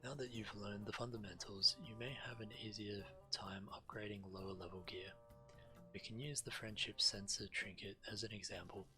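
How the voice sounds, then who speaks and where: A game streamer with a lowish, steady voice talks at a moderate pace, offering understated, matter-of-fact commentary on a video game and reading quest text aloud. Video game music plays faintly in the background.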